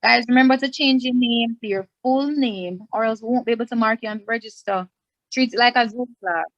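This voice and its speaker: A woman hosting a club meeting over a video call, chatty and quick to laugh. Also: fairly high pitch, dry recording. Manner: chatty, laughs easily, second-guesses herself. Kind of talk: casual online meeting hosting. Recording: dull lo-fi online call audio.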